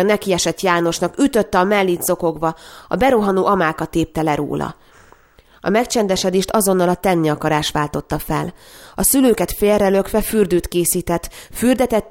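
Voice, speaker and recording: A woman reads a story aloud, calm and expressive in her delivery. Her voice is lower than that of most women. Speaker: narrator. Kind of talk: audiobook story reading.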